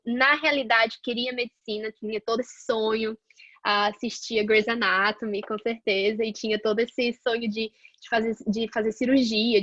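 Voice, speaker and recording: Here a guest scientist, a young adult woman from Portugal, walks through her career path casually, often restarting and using fillers. She speaks a little high with a fairly bright tone, and the lo-fi audio has no echo.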